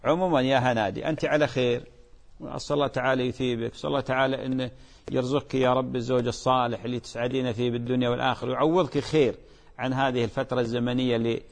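A man speaks as a religious scholar, counselling a caller at a brisk clip. He is earnest, doubles back on his phrases and fires off rhetorical questions in a middle-pitched voice. The sound carries a long, hall-like reverb. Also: fairly even intonation, gravelly.

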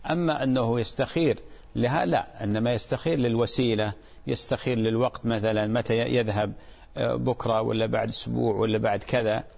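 A man as a sheikh on a call-in program, calmly explaining answers to callers' questions and checking that they are clear. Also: medium pitch, quick pace, long reverb tail. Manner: calm, explanatory, repeats points and asks "clear?".

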